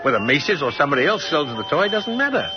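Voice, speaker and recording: An older man playing a kindly, jolly old department-store Santa in a 1940s radio drama, chuckling and gently insistent. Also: on the high side, big pitch swings, fast. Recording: muffled vintage 1940s radio broadcast, music behind.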